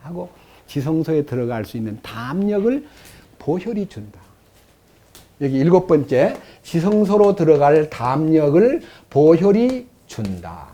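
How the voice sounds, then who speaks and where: A male pastor preaches with a high voice that swings widely up and down. He delivers the sermon with animated energy and slips into the voices he quotes. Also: a little slow.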